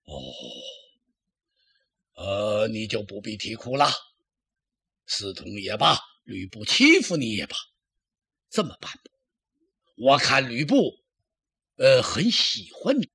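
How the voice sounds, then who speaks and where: A man playing an old, lecherous, blustering chancellor in a traditional storytelling performance, with a slow, drawling delivery. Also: mid-range voice, very animated, vocal fry, pushed and bright, breathy edge, voice pushed down, exaggerated voice. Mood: coaxing.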